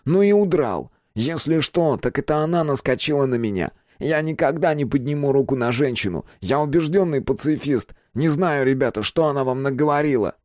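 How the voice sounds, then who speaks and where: Man playing homeless middle-aged man, nasal, thin, meek, raised pitch. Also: animated, brisk, few pauses, darkish tone, dry recording, clean studio sound, close to an everyday voice. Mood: protesting. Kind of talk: audiobook character voice.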